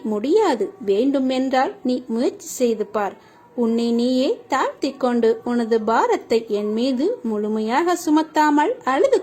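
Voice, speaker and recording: A woman reading scripted devotional messages in a steady, reassuring voice, speaking directly to the listener. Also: high-pitched. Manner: steady, reassuring second-person address.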